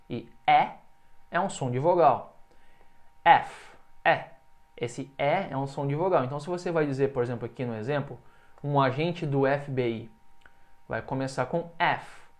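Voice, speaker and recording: A man with a middle-pitched voice teaches an English lesson, talking through a grammar rule in a relaxed, conversational way. He drops in quick check-ins with the learner and then slows down to say each example word carefully for them to repeat. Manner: explains in Portuguese, then says English words slowly for the learner to repeat; checks in often with quick casual asides. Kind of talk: recorded online language lesson.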